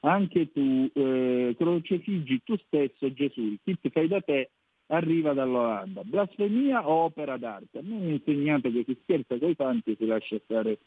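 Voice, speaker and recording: Husky male radio host. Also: mid-range voice, lively intonation, moderate pace, dry recording, narrow, tinny audio. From Calabria, Italy. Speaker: radio host taking listener calls. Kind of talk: live radio talk and press review.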